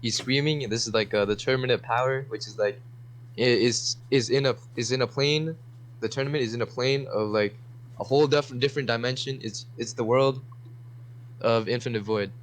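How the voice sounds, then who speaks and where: A young man in a casual debate, insistent, talking in halting bursts with restarts. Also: mid-range voice, poor audio.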